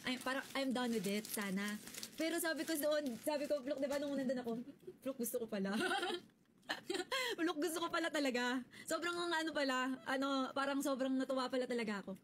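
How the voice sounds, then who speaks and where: A young woman telling a story in casual, chatty vlog style, animated and laughing often. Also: sits high, fairly quick, a little hiss or hum.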